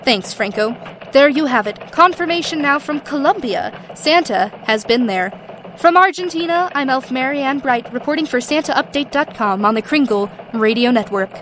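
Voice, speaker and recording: A woman's voice: high voice, expressive, normal speed, fairly bright tone, slight background noise. A woman playing an earnest Christmas elf news reporter, delivering a scripted radio report. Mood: earnest, upbeat.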